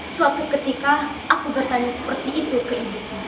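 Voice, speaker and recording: Very high voice, woman performing as a sorrowful tragic daughter, stage monologue, declamatory, anguished, distant echoey recording. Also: natural voice. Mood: mournful. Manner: sorrowful, declamatory, dramatic pauses. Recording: distant, echoey, clearly noisy room recording.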